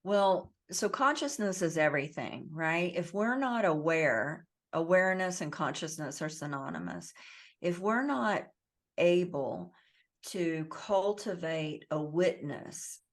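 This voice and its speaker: A woman's voice: on the low side, sing-song, slow pace. Earnest woman coaching on healing. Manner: earnest, coaching tone, acts out quoted voices. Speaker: author, guest. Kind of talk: interview conversation. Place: based in the Southwest US.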